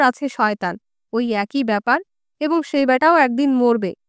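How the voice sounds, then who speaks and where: A woman's voice: sits high, clean tone, dry recording, clean studio sound, natural voice. A woman voicing a coarse, brooding old Greek man who speaks in crude colloquial talk full of curses, in an audiobook reading.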